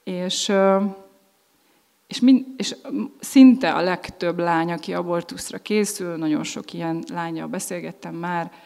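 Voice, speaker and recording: A woman with a lowish voice tells her own story as a personal testimony, earnest and measured. She hesitates and restarts often as she searches for her words. Her voice carries a long reverb, as if she were recorded in a hall. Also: creaky, a little mellow. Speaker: speaker giving a personal testimony.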